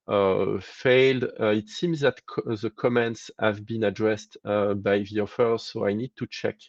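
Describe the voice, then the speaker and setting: A lower-pitched man gives halting status updates to an online meeting, stopping often on fillers and restarts. His video-call mic clips and distorts, and the sound is dull and dry with no room around it. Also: darkish tone, no echo. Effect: clipping, distorted mic audio that breaks up. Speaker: working group chair.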